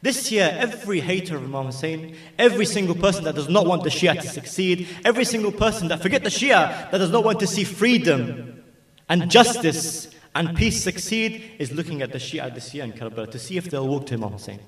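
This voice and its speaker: A man's voice: high-pitched, expressive, fairly quick, a bit bright. A man giving an urgent, pleading religious exhortation at a mourning gathering, repeating his phrases for emphasis. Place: large gathering hall. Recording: echoey hall, mic at a distance.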